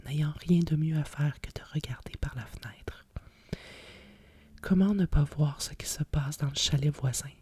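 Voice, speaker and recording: A middle-aged woman with a Quebec French accent whispers softly and breathily in a nostalgic, rambling ASMR style, like a hushed library whisper. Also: low-pitched, husky, no room sound. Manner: hushed, nostalgic rambling with frequent conversational tags. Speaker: ASMR host. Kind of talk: whispered ASMR chat about vintage books.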